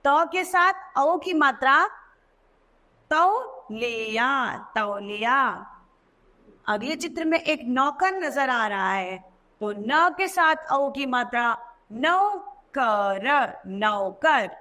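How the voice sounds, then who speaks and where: A woman teacher narrating a children's language lesson, slow and emphatic, stressing key words in a sing-song way. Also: high-pitched, lively intonation, sharp tone. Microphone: voice-over.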